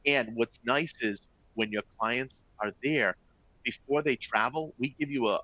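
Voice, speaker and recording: A middle-aged man with a Boston accent, from the Boston area, runs a cheerful, chatty live webinar for travel agents, regularly dropping in "all right?" and "folks." His voice is medium-pitched with a sharp tone, and the recording lacks high frequencies.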